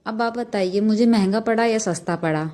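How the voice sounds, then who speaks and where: A woman's voice: medium pitch, moderate pace, mellow. A young woman chatting through her daily vlog, telling rambling stories full of fillers. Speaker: vlogger. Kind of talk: casual daily vlog narration.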